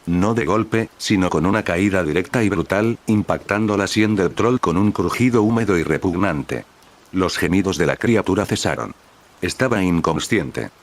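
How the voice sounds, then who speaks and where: A man narrating a story in a steady, measured reading style. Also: deep voice. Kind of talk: scripted fanfic narration.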